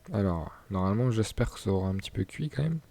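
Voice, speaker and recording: Young man chatting over gameplay, mellow voice. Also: fairly low pitch. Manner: chatty, laughs and stumbles over words. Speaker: gaming YouTuber. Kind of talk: casual gameplay commentary.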